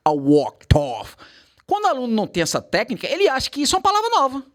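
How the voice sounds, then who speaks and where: Brief: male English tutor, Portuguese native, lively swooping delivery, careful slow demos of English sounds. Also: very high-pitched. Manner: animated, switches to slow careful English examples. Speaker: English teacher. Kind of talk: casual teaching chat.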